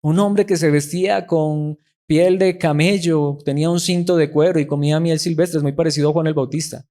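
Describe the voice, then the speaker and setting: A man's voice: fairly high pitch, steady tone, a little fast, dark tone. A man preaching a sermon, who keeps putting rhetorical questions to the congregation.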